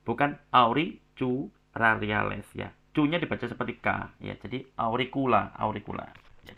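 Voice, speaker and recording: A man's voice: on the low side, creaky, a bit bright. A man giving feedback on student presentations in a class, with many filler sounds and phrases ending in a tag word. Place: online class recording.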